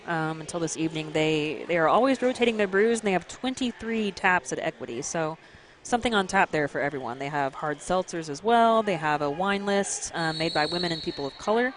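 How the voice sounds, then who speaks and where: A woman's voice: fairly low pitch, a little hiss or hum. Woman, roller derby commentator, play-by-play, chatty, laughs a lot, faint venue ambience. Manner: chatty, laughs often, quick bursts of excitement.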